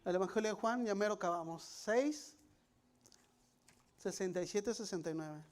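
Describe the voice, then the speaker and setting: A middle-aged pastor with a fairly high voice shares his testimony in a halting, confessional way. He restarts often, leans on fillers, and keeps calling the congregation his brothers. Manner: confessional, addresses listeners as brothers. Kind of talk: personal testimony sermon.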